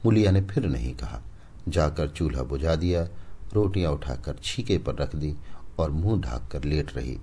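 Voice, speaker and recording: A man narrating a classic short story in an expressive, dramatic reading style. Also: rumbling low, moderate pace, husky. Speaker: audiobook narrator.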